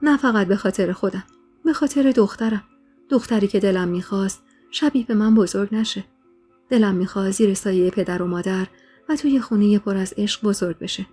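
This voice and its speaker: A woman's voice: mid-range voice, mellow, slightly rough. A woman narrating a dramatic first-person story in an emotional way, growing heated in the dialogue. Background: faint music.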